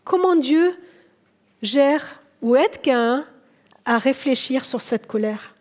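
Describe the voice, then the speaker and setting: High-voiced slow-paced woman preacher. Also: lively intonation. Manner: earnest preaching, dropping to soft tender tones, rising when voicing biblical characters. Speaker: pastor. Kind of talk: sermon. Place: church.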